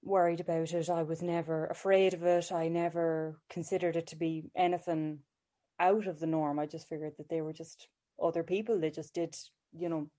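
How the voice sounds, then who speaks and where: A mental health clinician from County Galway, in the west of Ireland, is a guest on a podcast, chatting casually and informally with a local accent. She tells personal anecdotes in a self-deprecating way, her voice low, dark, and level at a moderate pace.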